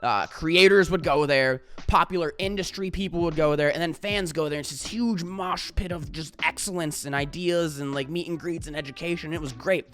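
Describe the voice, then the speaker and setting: A man's voice: on the high side, normal speed, few pauses, fairly bright tone. A man talking to camera in a casual vlog, rambling with lots of fillers and casual swearing. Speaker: YouTuber.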